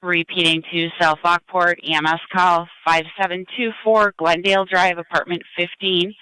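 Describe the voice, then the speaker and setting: A woman's voice: lowish voice, pushed and bright, clear, resonant tone, dry recording, rough recording. A woman working as a fire control dispatcher, speaking formally and procedurally over the radio. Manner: formal, procedural, repeats details. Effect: radio transmission.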